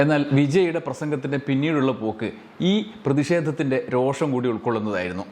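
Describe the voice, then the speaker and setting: A man narrating a news report in a measured, explanatory way. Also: medium pitch, a little mellow.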